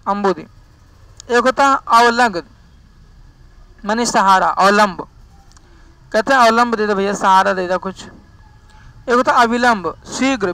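A man teaches grammar in a chatty, folksy way. His voice sits very high and sounds bright and forceful, and it is recorded close and dry with no room sound. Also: clean tone, no room sound, low-quality recording. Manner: chatty, folksy, drifts into dialect asides. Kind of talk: classroom lesson.

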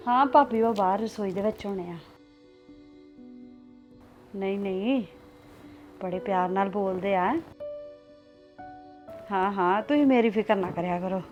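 A woman's voice: medium pitch, a little slow, pauses often, dull audio, natural voice. Young woman doing a sweet new bride, polite and eager, faint music in back. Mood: polite phone chat. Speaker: newly married daughter-in-law. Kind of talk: family drama acting.

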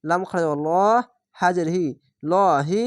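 A woman teaching Quran reading from Bangladesh, spelling each syllable slowly, then blending it into the whole word. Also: fairly low pitch, steady tone, no room sound, studio quality. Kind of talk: slow spelled-out recitation lesson.

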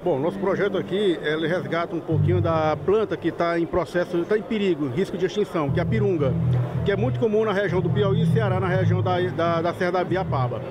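A man's voice: high-pitched, fast, music in the background, low-quality recording. An older man, a teacher explaining his school project into a reporter's handheld mic, with frequent restarts. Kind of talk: interview at a science fair. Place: large covered outdoor hall at a fair. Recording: loud crowd and traffic noise outdoors.

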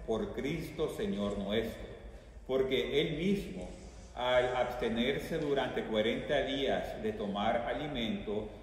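Male priest, unhurried solemn liturgy, long cathedral echo, picked up from far off. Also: mid-range voice, slight background noise. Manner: slow, solemn liturgical recitation. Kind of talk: leading the Mass prayers. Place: large church. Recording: echoey church from far off.

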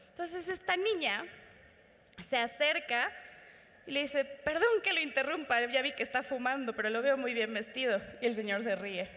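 High-voiced Mexican woman giving an inspirational talk. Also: creaky. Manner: animated, addresses audience directly. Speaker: motivational speaker. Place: conference hall. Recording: reverberant conference hall.

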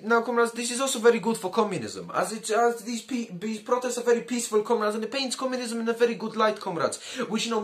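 A high-pitched male video host delivers informal political commentary in the persona of a brash, boastful comic communist. He swears freely and calls his listeners comrades.

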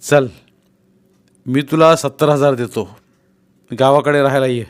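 A man's voice: mid-range voice, steady tone, a little slow, smooth, natural voice. A man voicing a shrewd, persuasive male village politician who keeps pressing and teasing his friend in a read-aloud novel. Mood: coaxing, persuasive.

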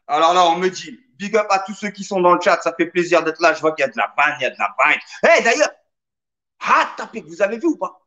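A man's voice: high-pitched, big pitch swings, quick pace, bright, forceful tone, highs cut off. A man hosting a live radio show, joking and teasing while reading out the chat. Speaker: radio host.

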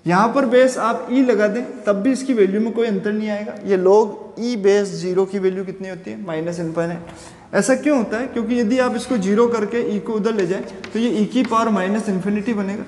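High-voiced man teaching physics, echoey room. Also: steady tone, darkish tone. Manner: explains step by step with questions to students; chants Sanskrit verses slowly. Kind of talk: classroom lecture.

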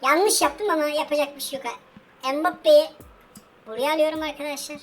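A woman streaming a football match lets her high voice soar and sink as she talks to her audience. She rants and groans loudly at every miss, always addressing the viewers directly. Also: moderate pace, slight background noise. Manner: talks straight to viewers, over and over. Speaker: gaming channel host. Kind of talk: casual let's-play commentary.

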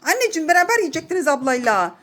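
A mother in her thirties films a family vlog, talking to her kids and viewers in a playful, coaxing way. Her voice sits very high and she exclaims often. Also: big pitch swings, rapid-fire, a bit bright. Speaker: mother and vlogger.

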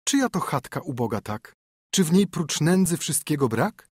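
A man's voice: on the high side, big pitch swings, normal speed, slightly rough, dry recording, clean studio sound, pitched above the performer's own voice. A man reading a fairy tale audiobook, voicing a proud young princess fallen into poverty, speaking plaintively. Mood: scornful. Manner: plaintive, lamenting.

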